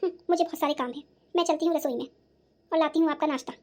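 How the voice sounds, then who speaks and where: A woman voicing a sharp-tongued young daughter-in-law in a cartoon, answering back defensively. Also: high-pitched, very fast, natural voice. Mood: defiant. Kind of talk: cartoon voice acting.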